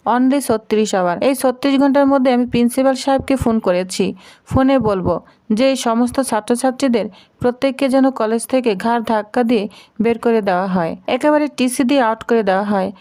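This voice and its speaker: Brief: a woman reading as a cold scheming father in a serial recap, commanding tone, high voice. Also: brisk, warm tone, close to an everyday voice. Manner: commanding, threatening. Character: scheming middle-aged man, ruthless businessman father.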